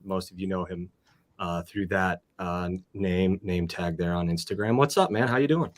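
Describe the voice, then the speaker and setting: Over a video call, a man with a low-sitting voice hosts a casual livestream at normal speed. He is friendly and rambling, greeting guests and reading out names.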